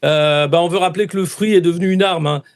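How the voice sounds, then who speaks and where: Pompous eco-militant spokesman, somewhat high voice, earnest, as a man plays him. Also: fairly even intonation, fast, smooth, close to an everyday voice. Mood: self-serious. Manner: earnest, pompous slogans with hesitant fillers. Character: solemn male eco-militant spokesman, self-serious.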